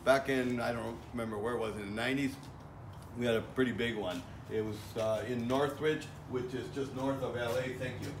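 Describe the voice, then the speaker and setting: A middle-aged welding instructor gives a casual outdoor lecture in plainspoken terms, full of fillers and restarts. His mid-range voice is brisk with fairly even intonation. Captured by a distant camera, the audio is echoey with faint ambient noise.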